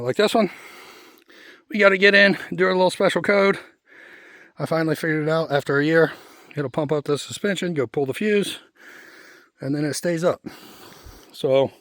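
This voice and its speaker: A Kentucky man in his 40s, a homesteading vlogger, rambles in a folksy, blunt monologue while walking his homestead outdoors, a little out of breath. His voice is slightly high, and the recording is dry.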